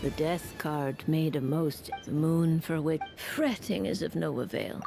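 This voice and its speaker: Casting: genteel old-fashioned elder lady for a game, creaky and unhurried, faint music behind. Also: low-pitched. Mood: kindly. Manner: formal, gentle, unhurried. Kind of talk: video game character acting.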